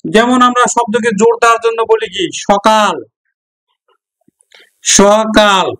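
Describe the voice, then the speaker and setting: High-voiced Bangladeshi Bengali man teaching grammar. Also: steady tone, a little slow, fairly bright tone, low-quality recording. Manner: explains step by step, repeats examples, asks and answers own questions. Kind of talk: exam-prep grammar lesson.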